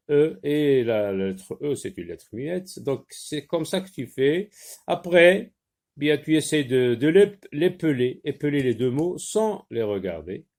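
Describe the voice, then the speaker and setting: A man teaching a spelling lesson, slowly sounding words out and spelling them letter by letter. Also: on the high side, darkish tone.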